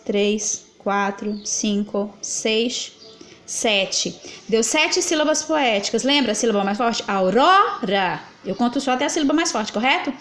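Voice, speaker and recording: A woman teacher with a Brazilian Portuguese accent and a notably high voice. She works through exam questions methodically, counting things aloud and stopping often to check that her students follow. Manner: patient, explains step by step, counts syllables aloud, checks with "tá?". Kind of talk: exam prep lesson.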